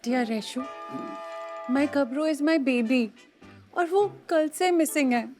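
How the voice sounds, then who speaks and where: A woman's voice: sits high, slow pace, a little mellow, faint music behind. An actress playing a pampered wife who mixes English into her Hindi and frets over her lost dog in a TV sitcom. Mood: fretting. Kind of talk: sitcom acting.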